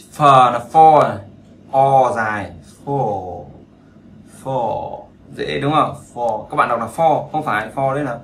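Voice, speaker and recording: Man, chatty teaching voice, bright tone, echoey room. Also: medium pitch, a little hiss or hum. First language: Vietnamese. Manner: chatty and teasing, repeats words slowly to drill them. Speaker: English teacher. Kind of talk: casual spoken lesson.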